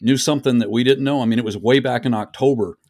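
A man hosting a podcast, casual and upbeat, quick to laugh as he hands off between guests. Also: mid-range voice, fairly even intonation, darkish tone. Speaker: podcast host.

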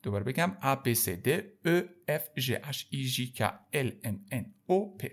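A man's voice: medium pitch, animated. A man teaching French letters. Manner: repeats sounds slowly and addresses viewers as kids. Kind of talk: casual spoken lesson to learners.

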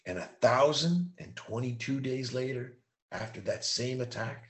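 A man giving an emphatic motivational monologue, repeating key phrases and slowing down to stress them. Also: mid-range voice, a bit bright, reverberant. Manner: slows down for emphasis. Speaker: motivational speaker.

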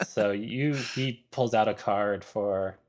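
A man's voice: on the low side, slow, a little mellow. A man acting as game master, narrating a tabletop game.

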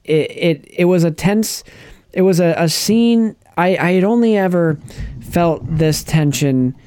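A man chatting casually on a podcast, retelling a TV episode with lively acted-out lines and frequent restarts. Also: sits high, measured pace, clean tone, no echo. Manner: animated storyteller, acts out characters' lines, restarts often. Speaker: podcast co-host. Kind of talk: casual chat recapping a TV episode.

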